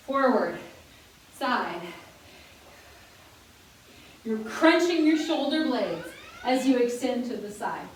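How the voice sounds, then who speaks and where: A woman leading a senior fitness class, chatting and laughing as she counts out the moves. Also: high voice. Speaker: fitness instructor. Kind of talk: guiding a senior exercise class. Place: fitness room. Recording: very echoey room, mic far off, faint noise.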